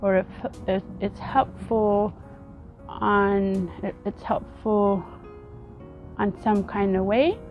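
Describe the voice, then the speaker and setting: A woman from Ethiopia, vlogging outdoors in an earnest, halting way and often repeating her words. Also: medium pitch, level tone, muffled recording, soft background music. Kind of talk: casual personal vlog talk.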